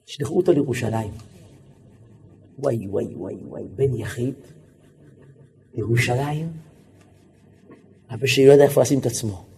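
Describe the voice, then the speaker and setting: A man's voice: medium pitch, pauses often. A man, a rabbi, telling a family story in a religious lecture, acting out the voices. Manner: animated storyteller, acts out every voice.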